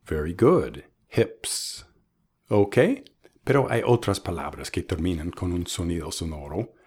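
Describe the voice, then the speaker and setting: A man teaching English pronunciation in a bilingual lesson, modeling each word slowly and contrasting wrong and right versions. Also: low-pitched, darkish tone, breathy edge. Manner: slow, deliberate, models words by contrast. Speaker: language teacher.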